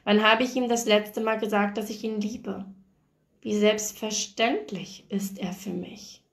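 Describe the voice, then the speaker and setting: A woman reading aloud from a novel in a calm, soft storytelling voice, sometimes dropping to a hush. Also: mid-range voice, a little slow. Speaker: reader.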